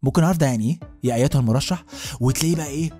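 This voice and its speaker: Egyptian guy in his 30s, rapid-fire comedy rant, keeps saying u know what i mean. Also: medium pitch, dark tone, faint music behind. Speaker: podcast host. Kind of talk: comic monologue.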